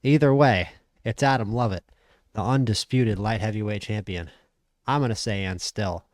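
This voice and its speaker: A man casually commentating a boxing management game, chatty and opinionated, stammering when he gets excited. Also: on the low side, moderate pace, no room sound, studio quality. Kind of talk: casual play-by-play commentary over a boxing sim.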